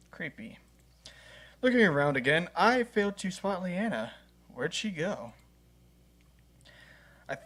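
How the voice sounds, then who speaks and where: A man's voice: on the high side, sharp tone. A man reading a visual novel game aloud as a gaming host, playful and chuckling at the story.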